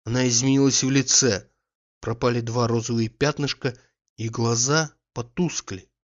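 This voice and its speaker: A male narrator reading a classic novel with a measured, expressive delivery in a mid-range voice. The recording sounds a bit muffled and lo-fi. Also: mid-range voice. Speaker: audiobook narrator. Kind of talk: literary audiobook narration.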